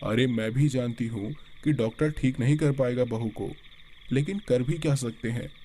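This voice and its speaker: A man's voice: mid-range voice, moderate pace, dark tone, slight background noise, natural voice. A man voicing a fussing village mother-in-law. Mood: reassuring. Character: worried middle-aged village mother-in-law, protective.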